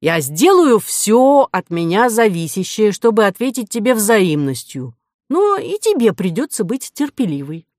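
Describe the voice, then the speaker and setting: A woman voicing a polite, stubborn young male hero in an audiobook, speaking in a measured, placating way. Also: mid-range voice, big pitch swings, darkish tone, no echo, studio quality, pitched above the performer's own voice. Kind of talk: audiobook character voice.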